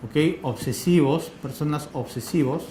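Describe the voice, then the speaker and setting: A man with a Peruvian accent giving a classroom lecture, firing quick questions at his students in a colloquial way. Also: on the high side, background noise. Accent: Peruvian Spanish. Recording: echoey classroom.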